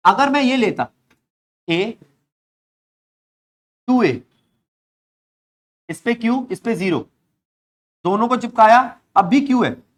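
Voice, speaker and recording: A man's voice: high-pitched, a bit bright. A young man teaching physics in a classroom, chatty and joking, telling stories and quizzing students by name. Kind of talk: classroom lecture.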